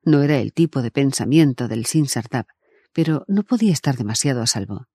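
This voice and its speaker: A male narrator reads a novel aloud in an even, measured way. His voice is dark and mellow with a husky grain. The recording is dry and close, with no room around it. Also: mid-range voice, dry recording. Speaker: audiobook narrator. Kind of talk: audiobook narration.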